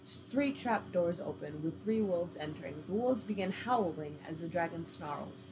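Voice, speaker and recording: A woman's voice: fairly low pitch, lively intonation, normal speed, background noise. A woman reading an interactive story game aloud, with casual, laughing asides.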